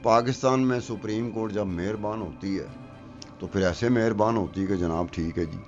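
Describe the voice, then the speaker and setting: A man's voice: fairly low pitch, darkish tone, lo-fi sound, soft background music. Emphatic, argumentative middle-aged man. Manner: emphatic, argumentative, repeats points for effect. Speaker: political commentator. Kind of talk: animated political talk-show discussion.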